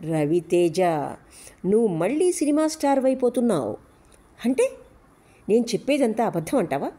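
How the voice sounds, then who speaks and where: A woman's voice: on the high side, very animated, normal speed, warm tone, voice pushed up. A woman voicing a menacing male gold smuggler who taunts and orders people around. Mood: accusing. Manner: taunting, commanding.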